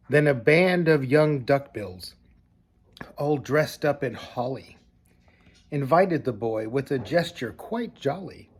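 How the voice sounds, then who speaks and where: An older man with a mid-range voice and a breathy edge reads a children's storybook aloud in a grandfatherly way, phrasing things expressively and deliberately and dropping in casual asides.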